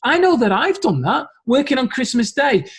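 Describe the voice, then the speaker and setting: A man's voice: extremely high pitch, sing-song, normal speed. A middle-aged man giving an earnest motivational talk to camera as a business coach, repeating phrases and restarting sentences.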